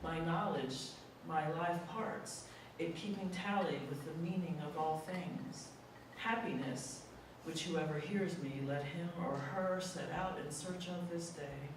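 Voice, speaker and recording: Poetry reader, deliberate and expressive, slow pace, distant mic, clear room noise. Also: medium pitch. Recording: echoey hall, mic far off, audible room noise.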